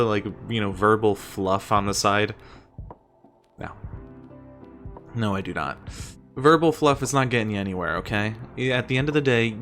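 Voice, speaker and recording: With music in the background, a streamer and teacher from the United States offers presentation tips in a laid-back explainer. His voice is lowish with a fairly bright tone, and he often answers his own exasperated rhetorical questions.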